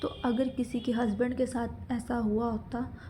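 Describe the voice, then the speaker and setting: A woman's voice: a little high, little pitch movement, a little slow, warm tone, a little hiss or hum. Indignant woman lecturing viewers. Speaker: social media commentator. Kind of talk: opinion monologue.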